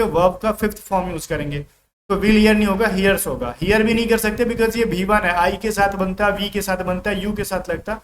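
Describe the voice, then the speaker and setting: A man's voice: high-pitched, a bit bright. A man teaching English vocabulary and grammar for an exam in a casual classroom-style lecture, asking rhetorical questions and acting out everyday scenes to explain meanings. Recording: echoey room with faint background noise.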